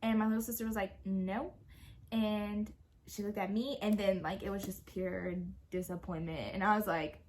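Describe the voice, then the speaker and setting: A young woman and parent telling a story in a casual question-and-answer video, chatty and quick to laugh. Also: mid-range voice, fairly even intonation, a little mellow, slight background noise. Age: young adult. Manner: giggly, laughs often while telling a story; chatty, full of fillers and quoted speech. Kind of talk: casual Q&A chat.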